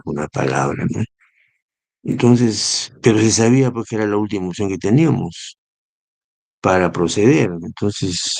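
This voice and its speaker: Gravelly low-voiced man teaching medicine. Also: a little mellow, no room sound. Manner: explanatory, spells out acronyms, asks rhetorical "¿no?". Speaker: neurosurgery lecturer. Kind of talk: recorded medical lecture.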